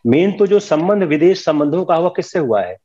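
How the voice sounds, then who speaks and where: A man's voice: a little high, expressive, brisk, dark tone. An older man teaching a history class, firm and scolding, switching between Hindi and English. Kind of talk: classroom lecture. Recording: dull lo-fi classroom recording.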